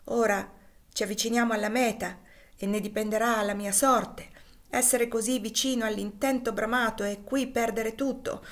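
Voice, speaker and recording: A woman's voice: on the high side, steady tone, normal speed, pitched above the performer's own voice, natural voice. A woman voicing an anxious young husband, earnest. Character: young man fleeing slavery, anxious. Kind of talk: audiobook dialogue.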